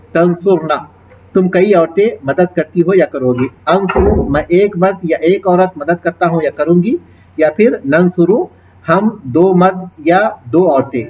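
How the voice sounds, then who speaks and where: A man's voice: sits high, muffled recording. A man teaching an Arabic grammar class online, patiently explaining and reciting verb forms with their translations.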